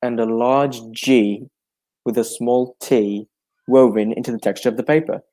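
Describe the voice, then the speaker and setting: A man playing a genial older gentleman doctor in a 1940s-style radio drama, speaking in a hospitable, old-fashioned storytelling manner. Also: mid-range voice, fairly even intonation, a little slow, natural voice. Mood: puzzled.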